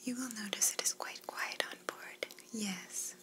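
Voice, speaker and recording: Unhurried and natural, with a medium pitch, a young woman whispers through a role-play as a polite, attentive flight attendant. She offers service courteously and soothingly.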